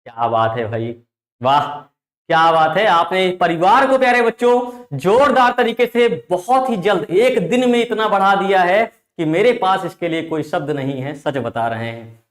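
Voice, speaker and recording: A man's voice: high voice, animated, moderate pace, echoey room. A man teaching an online class, talking emphatically and repeating his phrases as he addresses the students. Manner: emphatic, repeats phrases, often calls listeners "dear children". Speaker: online tutor.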